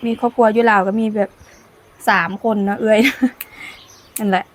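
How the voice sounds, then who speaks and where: Out in the sunshine, a Lao-accented woman from Laos chats casually through her cooking vlog, laughing often. Her niece films her on a camera. Her voice is mid-range and steady, at a normal speed.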